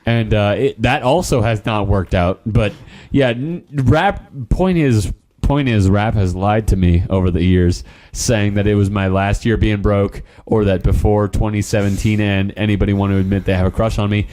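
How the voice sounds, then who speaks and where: A man's voice: fairly low pitch, normal speed, few pauses, darkish tone. A young man chatting casually in a slangy, self-deprecating way. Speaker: podcast participant. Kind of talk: casual chat.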